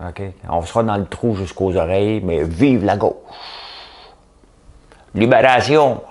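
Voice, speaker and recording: A man's voice: sits low, normal speed, dark tone. A middle-aged man with a Québécois French accent, hosting a casual morning commentary with folksy jokes and rambling asides. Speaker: commentary podcast host.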